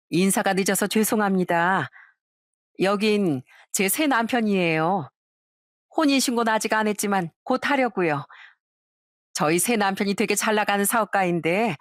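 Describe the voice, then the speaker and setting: A woman's voice: medium pitch, dry recording, clean studio sound, natural voice. A woman voicing a shameless, pushy middle-aged ex-wife. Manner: pushy, self-assured.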